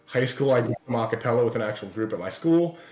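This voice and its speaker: Relaxed young man, roomy sound. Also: mid-range voice, fast. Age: young adult. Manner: relaxed, self-deprecating. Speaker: beatboxer in an a cappella group. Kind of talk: casual interview talk.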